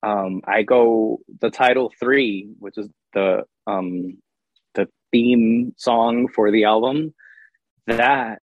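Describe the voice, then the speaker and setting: A man's voice: on the low side, slow, no room sound, narrow, tinny audio. A young man, a singer-songwriter, answering interview questions in an earnest, open way, with many ums.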